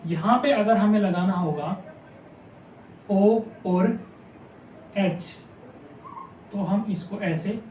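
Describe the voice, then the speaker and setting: A man's voice: sits high, recorded from a distance, phone-quality sound, slight background noise. Man teaching shorthand in an echoey room. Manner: repeats each word slowly, asks questions back to the class. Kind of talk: explaining step by step. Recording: echoey room, mic some way off.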